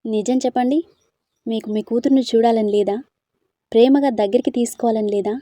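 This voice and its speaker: An earnest, coaxing young suitor in a storybook, voiced by a woman reader. The tone is mellow and warm, and the recording is close and dry with no room sound. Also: on the high side, fairly even intonation, brisk, no room sound, natural voice. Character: young man, gentle and teasing suitor.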